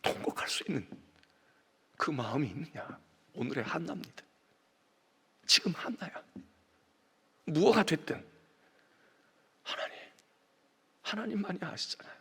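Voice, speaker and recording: A middle-aged man preaching a dawn prayer sermon as senior pastor, swinging between loud emphasis and hushed whispers. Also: a little high, sing-song, moderate pace, long pauses, husky. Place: church sanctuary. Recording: long church reverb.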